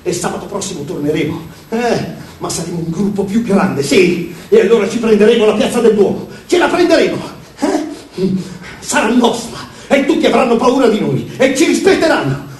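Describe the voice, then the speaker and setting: Man doing Alex, a brash shouting pigeon boss. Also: sits high, normal speed, natural voice. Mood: boastful. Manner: shouting, boastful, bossy. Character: brash hotheaded male pigeon gang leader. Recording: roomy, distant mic, faint background.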